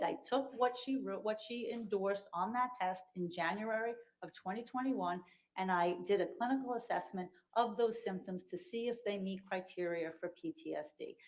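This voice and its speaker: A woman giving expert testimony as a psychologist, explaining in measured, clinical terms, heard through a courtroom recording. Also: mid-range voice, darkish tone, low-quality recording. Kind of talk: courtroom testimony under questioning.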